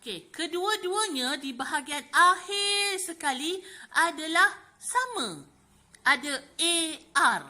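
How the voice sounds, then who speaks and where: Bright-voiced Malay teacher woman, chatty. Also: extremely high pitch, animated, slow. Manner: chatty teacher with frequent "okey" and "ha" fillers, spelling out letters. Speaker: primary school teacher. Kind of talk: classroom lesson explaining poetry.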